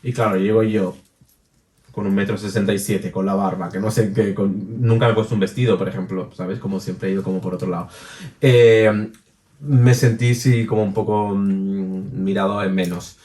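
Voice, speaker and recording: A Chilean man speaking as an interview guest, chatting casually and lively, with many restarts and laughs. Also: lowish voice, normal speed, distant mic. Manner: animated, many restarts and fillers, laughs easily. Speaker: interview guest, drag performer and DJ. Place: room with a jacuzzi.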